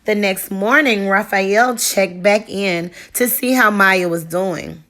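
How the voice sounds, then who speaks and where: A woman reads a picture book aloud in the manner of a teacher. Her pace is slow and deliberate, with a mid-range pitch and expressive storytelling.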